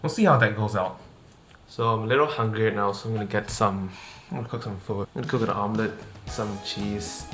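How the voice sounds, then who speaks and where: Male home vlogger, casual and slightly halting, roomy kitchen sound with music underneath. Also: fairly low pitch. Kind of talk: casual cooking and recovery vlog. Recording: echoey room with music behind.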